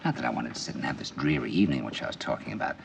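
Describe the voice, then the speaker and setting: A man's voice: extremely low pitch, big pitch swings, racing, vocal fry, background noise, full character voice. An actor playing an intense middle-aged man confiding over dinner in earnest, probing film dialogue. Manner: earnest, probing, builds to emphatic bursts.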